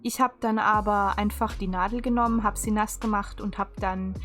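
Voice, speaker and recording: A woman's voice: medium pitch, fairly even intonation, normal speed, fairly bright tone. A woman giving a chatty, unscripted craft tutorial voice-over in a casual style. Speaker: video creator. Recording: music behind the voice. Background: instrumental music.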